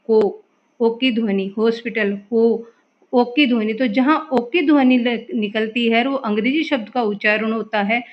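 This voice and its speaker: A woman teaching a grammar lesson, explaining step by step and asking and answering her own questions. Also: a little high. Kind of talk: classroom lesson. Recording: dull lo-fi recording.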